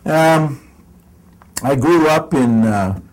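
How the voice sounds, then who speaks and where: This American man in his sixties, raised in Southern California, speaks at medium pitch in an animated way, drawing out his words. He tells his life story for an oral history interview, rambling and hesitating with plenty of fillers and restarts while poking wry fun at himself.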